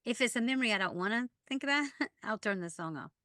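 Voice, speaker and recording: A woman's voice: on the high side, lively intonation, quick pace, sharp tone, no room sound, studio quality. A woman in her fifties, co-hosting a podcast with casual, good-humored chat that rambles between thoughts. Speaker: podcast co-host. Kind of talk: casual chat over wine.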